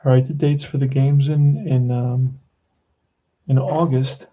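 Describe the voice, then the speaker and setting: Phone-quality audio carries a tabletop baseball hobbyist in his sixties, his Queens, New York accent coming through in an off-the-cuff tutorial. He keeps it blunt and plain-spoken, calling the listener "man." His medium-pitched voice moves little in pitch and keeps a measured pace.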